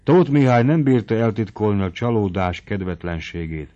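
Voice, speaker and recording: A man reads a classic tale aloud at a measured, even storytelling pace. His voice is fairly low. The recording sounds dull and lo-fi. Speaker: narrator. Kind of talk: audiobook reading of classic prose.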